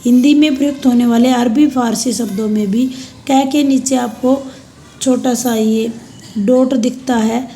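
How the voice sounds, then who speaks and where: A woman teacher lecturing at an unhurried, measured pace, her voice soft and mellow. She lays out each point and then lists examples one after another. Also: on the high side, steady tone. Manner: slow, deliberate explaining, spelling out examples one by one. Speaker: Hindi language teacher. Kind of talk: recorded lecture for university students.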